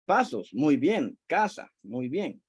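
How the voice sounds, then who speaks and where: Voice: medium pitch, sing-song, slow, darkish tone, husky. A teacher talks a class through a lesson from home, patient and explanatory. The speech is dotted with "eh" fillers and "¿ya?" check-ins. The mid-range voice sounds close and dry, with no room echo.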